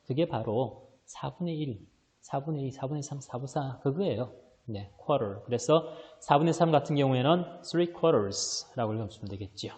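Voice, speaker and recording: A male high school English teacher giving a recorded online lesson, explaining step by step and answering his own questions. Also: expressive, moderate pace, darkish tone, big-room sound. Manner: mixes English readings into Korean explanation.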